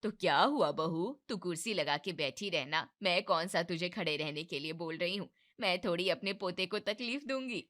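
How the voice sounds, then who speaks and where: A woman voicing a bossy, loud mother-in-law. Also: fairly low pitch, normal speed, few pauses, lightly acted. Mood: scolding. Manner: scolding, loud and commanding. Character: bossy but caring older mother-in-law. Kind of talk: animated Hindi family drama voicing.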